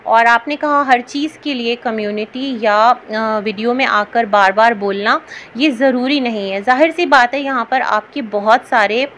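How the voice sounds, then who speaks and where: A woman giving chatty, opinionated commentary in a reaction vlog, often pausing on hesitant fillers. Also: fairly high pitch, a bit bright, slight background noise.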